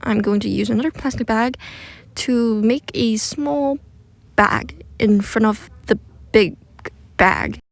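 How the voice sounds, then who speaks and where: Slow and creaky, her high-leaning voice comes through a dry recording made under a blanket, muffled and close. She's narrating a DIY craft attempt in a relaxed, self-deprecating tone.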